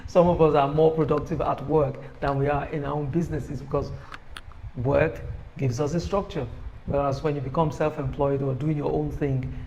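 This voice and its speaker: A man giving an upbeat, persuasive sales pitch for his own book, recorded on a phone camera. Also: darkish tone, highs cut off, slight background noise. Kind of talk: motivational self-promotion video.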